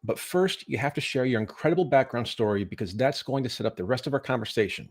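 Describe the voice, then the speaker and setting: A man hosting an interview show, introducing his guest in a brisk, upbeat way. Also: mid-range voice, animated. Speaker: host.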